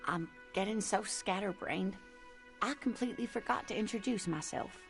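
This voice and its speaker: A woman's voice: mid-range voice, normal speed, vocal fry, soft background music, natural voice. An actress voicing a fond, rambling, scatterbrained elderly woman in a video game. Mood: fond teasing. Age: older.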